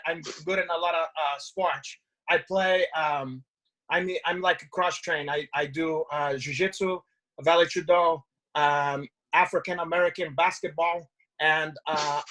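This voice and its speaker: A man's voice: fairly high pitch, a bit bright, rough recording. A middle-aged man playing a boastful, crude fighting legend, stumbling and rambling as he takes callers on a video call. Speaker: show host taking callers.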